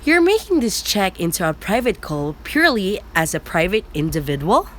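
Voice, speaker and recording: A woman's voice: medium pitch, sing-song, normal speed, lightly acted. A woman playing an officious, skeptical telephone supervisor in an amateur radio play, bureaucratic and doubting. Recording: noticeable background noise.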